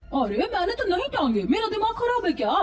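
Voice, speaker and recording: A woman voicing a flustered young housewife in a cartoon, shrill and defensive. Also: sing-song, brisk, recorded from a distance.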